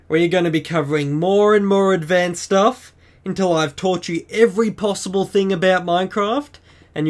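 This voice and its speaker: A young man hosting a casual game tutorial as a voice-over, chatty and upbeat with self-mocking asides. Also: high-pitched.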